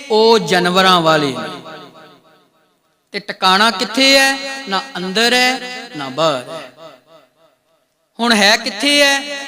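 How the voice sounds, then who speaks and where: A man preaches in a Punjabi accent, stretching his phrases into a near-chant and slipping into song for scripture lines. His voice sits high. A gathered crowd can be heard behind him. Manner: drawn-out chanted phrases with sung quotes. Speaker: kirtan preacher. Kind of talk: Sikh religious discourse.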